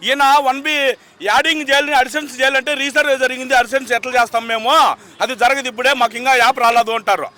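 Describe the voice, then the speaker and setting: A man's voice: very high-pitched, level tone, fast, pushed and bright. A man, a member of the public giving a heated, repetitive rant in a street interview. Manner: indignant, repetitive ranting.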